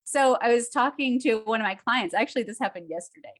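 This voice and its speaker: A woman's voice: on the high side, fast talker. A woman relationship coach talking in a casual podcast conversation, telling stories and acting out the voices she quotes. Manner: animated storyteller, acts out quoted voices.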